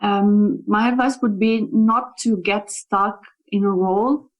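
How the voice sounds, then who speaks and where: This young adult from Italy, a native Italian speaker, has a medium-pitched voice with fairly even intonation and a slow pace, captured on poor audio. She's being interviewed casually about working as a localization project manager and answers thoughtfully, with plenty of fillers and false starts.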